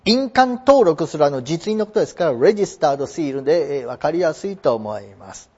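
A man explaining English vocabulary in a chatty lesson, slowing down to spell out words. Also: on the high side, animated, darkish tone, breathy edge. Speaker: English teacher. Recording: dull lo-fi recording.

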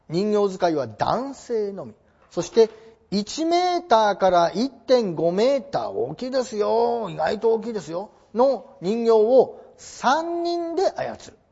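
His voice sits high and sounds mellow as this man gives a courteous, explanatory classroom lecture about traditional theatre. He poses rhetorical questions to the listeners, and the lo-fi recording is dull.

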